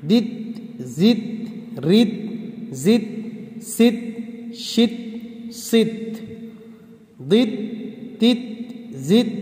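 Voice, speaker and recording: A man teaching Quran reading, chanting letter drills in a slow, steady rhythm. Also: high-pitched. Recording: echoey room with long reverb.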